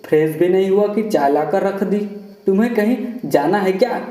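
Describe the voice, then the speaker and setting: A man's voice: high-pitched, normal speed, dark tone, close to an everyday voice. A man voicing a scolding irritable husband. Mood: angry. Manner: harsh, scolding. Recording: roomy echo.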